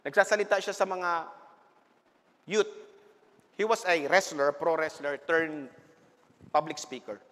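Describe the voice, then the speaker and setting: A man, a pastor preaching a sermon with animated storytelling in a church. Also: fairly high pitch. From Philippines. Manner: mixes English and Tagalog, animated storytelling. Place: church sanctuary. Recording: reverberant church hall.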